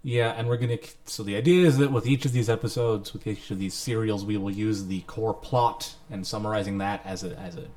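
A man's voice: fairly low pitch, steady tone, a little fast, hardly any pauses, a little mellow. A young man co-hosting a podcast in casual chat, joking and retelling plot. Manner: joking, storytelling. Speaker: podcast co-host.

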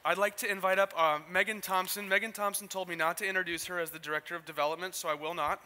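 A man, a pastor, speaking conversationally to his congregation with gentle humor. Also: high-pitched, steady tone, fast, a faint crowd. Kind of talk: sermon and church announcements. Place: church hall. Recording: reverberant hall, faint ambience.

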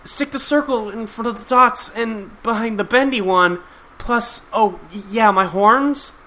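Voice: medium pitch, unhurried, bright, forceful tone, pitched above the performer's own voice. A reader voicing a timid young male troll who talks hesitantly and stammers politely.

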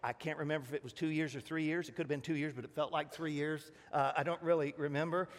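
A man's voice: fairly high pitch, fairly even intonation, fast, in a large hall. A man preaching a sermon to his congregation in a folksy, rambling way, with jokes along the way. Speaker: pastor. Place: church sanctuary.

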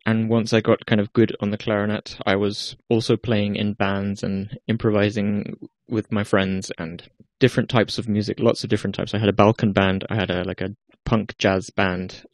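A man's voice: lowish voice, flat delivery, normal speed, hardly any pauses, no room sound. A young man from Iceland with an Icelandic accent, a guest musician talking casually about his path and often restarting his sentences. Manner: hesitant, many restarts and fillers. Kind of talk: casual interview talk.

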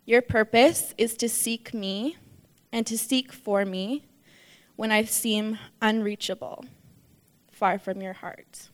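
A woman reciting a devotional spoken-word piece in a soft, measured voice that sinks to near whispers. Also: fairly high pitch, steady tone.

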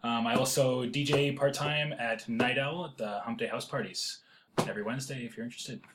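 A man's voice: medium pitch, fairly quick, heavy background noise. A young man co-hosting a podcast, chatting casually and hesitantly with many fillers. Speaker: co-host. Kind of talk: casual chat.

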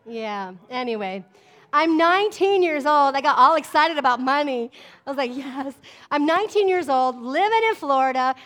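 A woman's voice: sits high, animated, normal speed, fairly bright tone. A middle-aged woman pastor preaching a sermon, emphatic and conversational, often asking her congregation "amen?". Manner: emphatic, call-and-response preaching with frequent "amen?".

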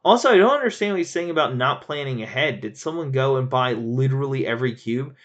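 A man chatting casually as a board game reviewer, animated and laughing, rambling with frequent restarts. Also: mid-range voice, fast talker, dull audio. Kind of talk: casual chat.

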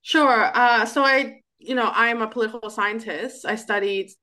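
Brief: bright-voiced woman in her thirties, Thai-born academic guest, animated. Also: a little high, normal speed. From Thailand. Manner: animated, with restarts and fillers. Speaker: guest, political scientist. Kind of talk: interview answers.

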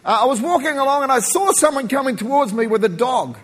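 A man from New Zealand, accent touched by Australian, gives a sermon with a husky, very high voice that is expressive and quick. His style is emphatic and homespun, full of joking asides, recorded in a reverberant, echoey hall.

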